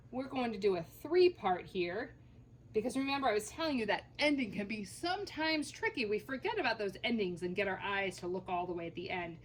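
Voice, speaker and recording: A woman teacher leading a children's phonics lesson, sounding out letters slowly and encouragingly. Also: medium pitch, a little hiss or hum.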